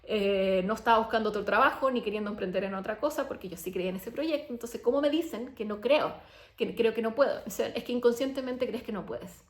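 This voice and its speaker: A young adult woman and coach telling her personal story in a chatty, animated way, full of "o sea" and "como". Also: fairly high pitch, a little fast. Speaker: abundance coach and podcaster. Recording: roomy echo.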